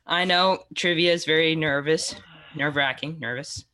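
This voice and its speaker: Deep, measured and pushed bright, the voice of a young woman quizzing friends with trivia on a video call is full of giggles. She frequently restarts as she stumbles through casual online chatter.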